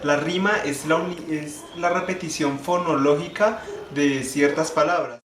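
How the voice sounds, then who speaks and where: A young man giving a class presentation, explaining step by step, restarting phrases and slowing down to spell out syllables. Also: a little high, steady tone, fairly bright tone. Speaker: student presenter. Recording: echoey room, faint ambient noise.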